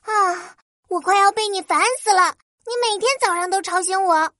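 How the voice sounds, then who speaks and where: A woman's voice: very high-pitched, moderate pace, pushed and bright, dry recording, voice pushed up. A woman voicing a tiny, hot-tempered flower fairy girl for a children's story, with a piping little voice and a petulant, complaining manner. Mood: cross, whining.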